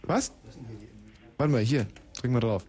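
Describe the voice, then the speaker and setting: A man's voice: mid-range voice, expressive, unhurried, darkish tone, slight background noise. A man hosting live radio, joking and laughing as he narrates the studio chaos play-by-play. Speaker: radio host.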